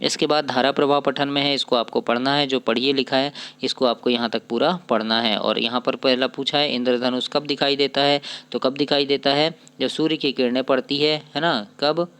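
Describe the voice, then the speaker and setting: Man with a smooth, clear voice. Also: mid-range voice, fairly even intonation, fairly bright tone. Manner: explains step by step, asks and answers his own questions; reads poem lines slowly. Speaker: teacher. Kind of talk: workbook lesson walkthrough.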